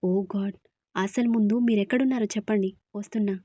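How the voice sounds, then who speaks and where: A woman's voice: mid-range voice, fairly even intonation, fairly quick, dark tone, dry recording, lightly acted. A woman voicing a worried young father who speaks urgently and tries to reassure his wife in a storybook. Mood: alarmed.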